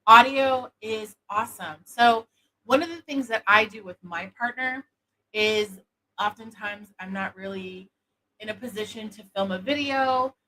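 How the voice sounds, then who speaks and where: A woman hosting a casual product demo, talking in a soft, sultry voice with many fillers. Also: mid-range voice, rough recording. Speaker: host of an intimacy product show.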